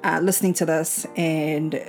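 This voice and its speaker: A woman's voice: low-pitched, steady tone, moderate pace, a little mellow, faint music behind. A woman of about twenty-nine, chatting informally as the host of a solo podcast recorded at home. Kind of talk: casual solo podcast talk.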